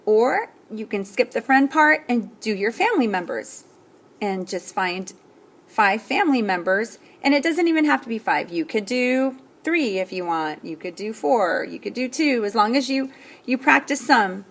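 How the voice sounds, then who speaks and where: A woman teacher slowly explaining an assignment to students step by step, often checking in with "okay?". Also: a little high, expressive, vocal fry, fairly bright tone. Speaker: Spanish teacher. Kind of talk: recorded classroom lesson.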